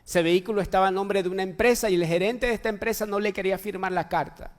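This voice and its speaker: High-voiced pastor preaching in a reverberant church. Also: male voice, steady tone, fast talker. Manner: emphatic, with repeated phrases and rhetorical questions. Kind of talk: sermon. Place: church sanctuary. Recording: long church-hall reverb.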